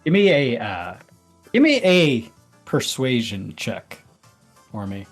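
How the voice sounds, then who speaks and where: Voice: medium pitch, very animated, slow, faint music behind. A game master narrating a tabletop game playfully, laughing often.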